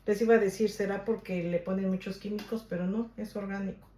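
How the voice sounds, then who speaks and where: A woman's voice: medium pitch, steady tone, a little fast, mellow. Chatty Mexican woman in an echoey kitchen. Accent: Mexican Spanish. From Mexico, Guadalajara. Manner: chatty, stubborn, keeps asking "¿ok?". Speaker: cooking video host. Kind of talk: casual cooking demonstration. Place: home kitchen.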